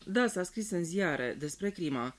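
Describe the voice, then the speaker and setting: A man's voice: high voice, expressive. Man reading a mystery audiobook. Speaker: audiobook reader. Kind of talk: scripted audiobook narration.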